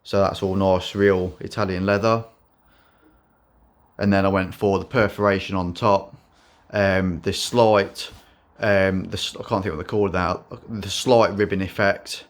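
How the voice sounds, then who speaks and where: A man showing his custom motorbike in a casual vlog, speaking in a self-described monotone with many fillers and restarts. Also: low voice, measured pace.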